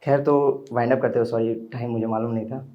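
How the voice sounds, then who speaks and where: In this live storytelling set at a small indoor open mic venue, a young man shares something personal and banters with the crowd in between. His voice sits at medium pitch with fairly even intonation and a fairly quick pace, and the audio sounds dull.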